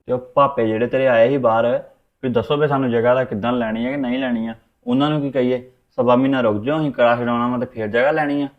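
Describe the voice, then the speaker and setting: A man's voice: medium pitch, fairly even intonation, fast, natural voice. An actor playing a stubborn young adult son with a Punjabi accent, blunt and insistent with his mother. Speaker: grown son in a family drama. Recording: dull lo-fi sound.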